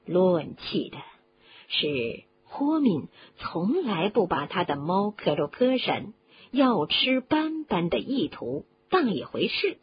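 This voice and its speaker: A woman reading a storybook aloud with dramatic, expressive narration that drops low for suspense. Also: slow pace, husky, lo-fi sound. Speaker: audiobook reader.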